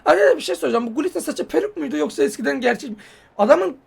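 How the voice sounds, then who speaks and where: A man giving casual, joking commentary on a football game he is playing, yelling at his players. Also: extremely high pitch, rapid-fire, creaky. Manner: excitable, joking, swears and yells at players. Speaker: mobile football gamer.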